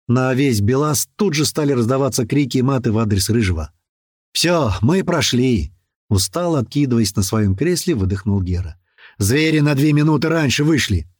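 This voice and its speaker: A man doing lively first-person audiobook narration. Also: medium pitch, no echo, studio quality. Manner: lively and expressive.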